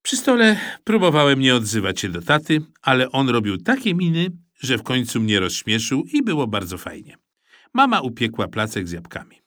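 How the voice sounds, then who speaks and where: Lively, bright-voiced male storybook narrator. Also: medium pitch, no echo, clean studio sound. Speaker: audiobook narrator.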